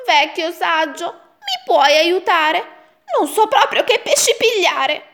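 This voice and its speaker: A grumbling little old woman from a storybook, her voice pitched very high and drawn out slowly. swooping all over the place as she frets about her cramped house. The tone is shrill and theatrical. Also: big pitch swings, fairly bright tone, exaggerated voice. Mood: complaining. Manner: shrill, exaggerated complaining in rhyme. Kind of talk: storybook reading.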